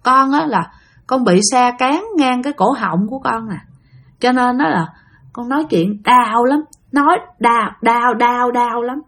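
A woman's voice: on the high side, unhurried, fairly bright tone. A woman voicing the ghost of a young woman who speaks through a possessed man, with a choked, slurred voice, pleading and whimpering. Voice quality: choked, slurred, as if throat crushed.

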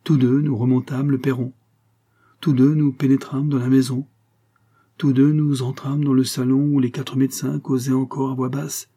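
A man narrating a 19th-century tale in a dramatic, expressive reading. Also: mid-range voice, normal speed, husky.

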